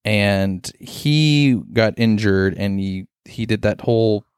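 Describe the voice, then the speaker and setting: A man co-hosting a casual movie podcast, playfully reading out summaries and fun facts with quick asides. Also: on the low side, clean tone, no room sound, clean studio sound. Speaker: podcast co-host.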